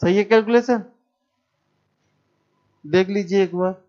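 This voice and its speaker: A man's voice: sits high, a little slow, a little mellow, muffled recording. A man teaching math to a class, explaining step by step and asking the students questions. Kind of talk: classroom lecture.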